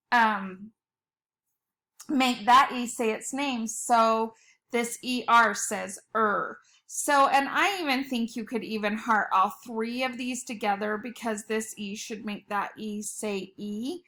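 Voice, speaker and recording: Slow, patient woman teacher. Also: on the high side, a bit bright. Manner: slow, patient, sounding out letters. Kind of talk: recorded home spelling lesson. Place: home at night.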